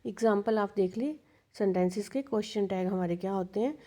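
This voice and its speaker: Mellow-voiced woman teaching English intonation. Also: mid-range voice, a little fast. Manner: patient, repeats key points with worked examples. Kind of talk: explaining English intonation in Hindi.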